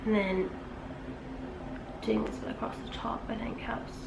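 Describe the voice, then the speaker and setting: Her voice is fairly high, creaky, a little slow and steady in tone, and thick and nasal from a cold. The beauty vlogger chats casually through her makeup at home in a get-ready-with-me style. Traffic from the nearby busy street echoes around the room.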